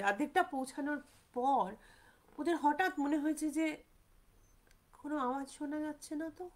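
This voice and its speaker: A woman telling a jungle ghost story in a loose, unscripted way, slipping English phrases into her talk and pausing often to find her words. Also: sits high. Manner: unscripted, mixes in English phrases, many fillers and repetitions. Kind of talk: casual spoken storytelling.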